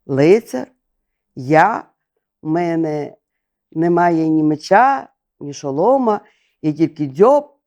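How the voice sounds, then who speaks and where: A woman's voice: animated, slow, long pauses, darkish tone, dull audio, full character voice. A woman voicing a brave, desperate male raven who caws and cries out in a storybook tale. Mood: doubtful. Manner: shrill cawing cries.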